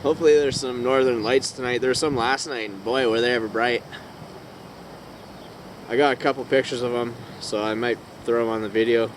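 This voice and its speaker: A man's voice: medium pitch, fairly even intonation, fairly quick. Laid-back man vlogging outdoors. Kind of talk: casual solo vlog chat. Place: outdoors at a campground at night. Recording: outdoor wind and ambient noise.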